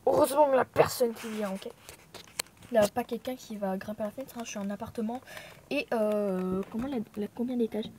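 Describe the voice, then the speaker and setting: Une jeune femme originaire de Thaïlande, bavarde et dispersée, pleine d'hésitations et d'excuses, filmée au téléphone dans son appartement. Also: female voice, a little high, brisk, dark tone, a little hiss or hum. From Thailand. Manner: chatty, scattered, lots of fillers and apologies. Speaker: vlogger. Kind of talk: casual chat to camera. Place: apartment room at home. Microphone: phone held in hand.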